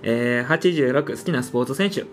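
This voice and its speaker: A man with a Kansai accent reading out questions and teasing his friend in casual chat, with music behind. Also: mid-range voice. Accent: Kansai Japanese. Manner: teasing, quick to chuckle, frequent backchannels. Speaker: podcast co-host reading out questions. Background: background music.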